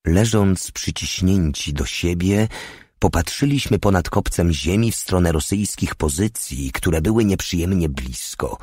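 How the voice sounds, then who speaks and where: Brief: male audiobook narrator, very low voice, dry close-mic sound. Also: darkish tone, breathy edge, no room sound.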